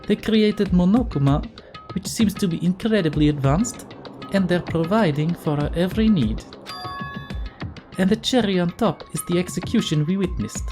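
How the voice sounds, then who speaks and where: Calculating young woman for a mystery game acted by a woman, French accent, measured delivery, music low behind. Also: close to an everyday voice. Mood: cool, grave.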